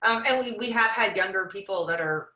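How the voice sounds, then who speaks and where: A woman with a Canadian accent hosts a casual panel webinar, speaking fairly quickly in a medium-pitched voice that sounds pushed and bright. The call has a roomy echo.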